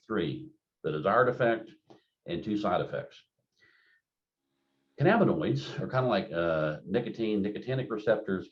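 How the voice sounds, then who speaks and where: Deep-voiced older man lecturing. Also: darkish tone. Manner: rambling, anecdotal, conversational with many fillers. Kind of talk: continuing-education lecture. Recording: dull lo-fi lecture recording.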